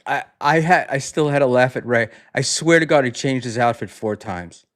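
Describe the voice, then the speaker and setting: Guy hosting a chill chat, rambly, lots of um and uh, middle pitch. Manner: rambling, halting, many fillers and restarts. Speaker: podcast host. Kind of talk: casual chat.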